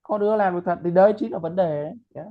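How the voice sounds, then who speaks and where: This English tutor's voice sits high and races along. He starts with casual chat, then teaches pronunciation, explaining and repeating example words, all on a tinny phone-like line.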